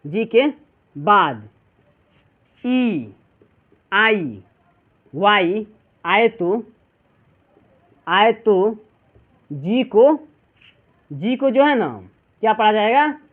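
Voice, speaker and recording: The teacher, a man with a Bihari Hindi accent, uses a high, sing-song voice, drawing out words and pausing often during a classroom pronunciation lesson. The sound is tinny, like a phone, and he keeps answering his own questions to the students.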